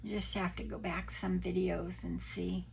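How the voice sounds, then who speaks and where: A hoarse, unwell woman with a croaky voice that breaks into a papery whisper, gently talking through a craft demonstration in a halting, casual way, as if thinking aloud. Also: fairly low pitch, flat delivery, slight background noise, low-quality recording. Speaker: craft tutorial host.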